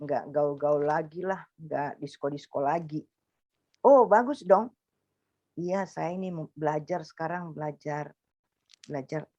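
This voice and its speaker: A woman with a Makassar Indonesian accent giving a personal testimony to a congregation, acting out the dialogue with sudden jumps in pitch. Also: vocal fry, warm tone, no echo, lo-fi sound.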